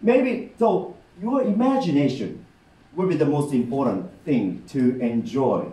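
A middle-aged rakugo storyteller with a Japanese accent performs comic stories live in an indoor meeting room, explaining warmly with gestures and often asking "okay?" His mid-range voice is unhurried and animated, captured with roomy sound by a distant camera in the audience.

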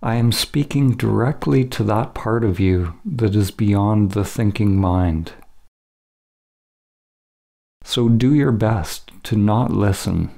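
This low-leaning, dark-toned male voice carries vocal fry as he guides a scripted spiritual meditation like a teacher, pacing it with careful phrases and short pauses.

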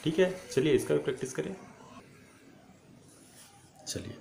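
A male spoken English teacher, drilling letter sounds aloud and urging viewers to repeat them loudly. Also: on the high side, unhurried, vocal fry. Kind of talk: online English pronunciation lesson. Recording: echoey room with faint ambient noise.

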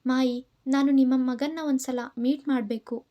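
A woman's voice: sits high, fairly even intonation, moderate pace, muffled recording, natural voice. A woman voicing a caring young woman who comforts an older friend in an earnest, reassuring way.

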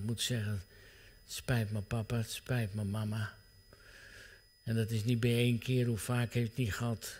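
A middle-aged male pastor preaching an earnest sermon, his voice dropping to a hushed near-whisper at tender moments. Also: mid-range voice.

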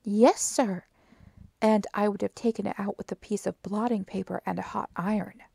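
A woman's voice: medium pitch, steady tone, moderate pace, creaky, warm tone, slightly rough, no echo. A woman voicing a nervous, deferential young housemaid who gives polite, hesitant answers in a storybook reading. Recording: dry close audiobook recording.

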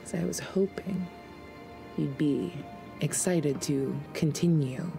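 A woman voicing a sinister drider-like spider goddess, sly and seductive, speaking in a hushed, slow, coaxing menace. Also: low-pitched, vocal fry, music in the background, full character voice. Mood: silky, coaxing.

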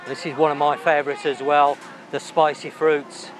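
A man leads a night market walking tour as a travel vlogger, speaking at normal speed in a slightly high voice with flat delivery, though he chats enthusiastically and thinks aloud about the dishes he passes. The audio comes from a handheld camera on the move and carries loud outdoor market noise.

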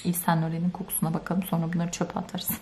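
A young woman vlogging in casual chat, ranting in an animated, exasperated way with sudden high outbursts. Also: rapid-fire. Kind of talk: casual vlog chat to camera.

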